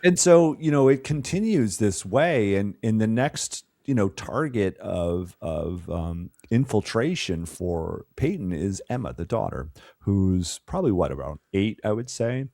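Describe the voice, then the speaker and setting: A man's voice: lowish voice, lively intonation, unhurried, hardly any pauses, warm tone, no echo, studio quality. A man co-hosting a podcast, talking through a movie in a loose, profane way with lots of "you know" fillers. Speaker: podcast co-host. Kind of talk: casual film discussion.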